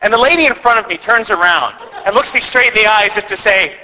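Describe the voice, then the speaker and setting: A priest doing live stand-up, chatty and self-deprecating, acting out the lines of the people in his story. His voice sits high and sounds very bright. It carries the long echo of a parish hall, with faint noise underneath. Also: fast talker.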